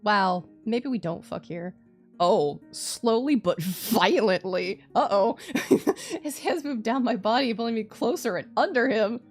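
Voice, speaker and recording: Expressive woman narrating over soft music. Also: fairly high pitch, a little slow. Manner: expressive, candid, profane. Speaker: streamer. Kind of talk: visual novel read-aloud with wry asides.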